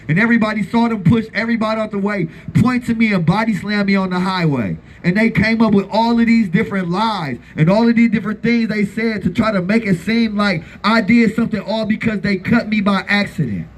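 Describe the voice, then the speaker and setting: This activist in his thirties speaks with a high voice at a rapid clip, barely pausing, in a low-quality recording. Addressing an outdoor gathering, he's blunt, profane and fired up, hammering home his points by repeating phrases.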